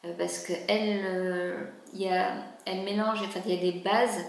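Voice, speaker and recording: A woman's voice: mid-range voice, level tone, normal speed, creaky. A middle-aged woman chatting casually in a vlog, hesitant and rambling, with many fillers and restarts. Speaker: vlogger. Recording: very echoey room, faint background noise.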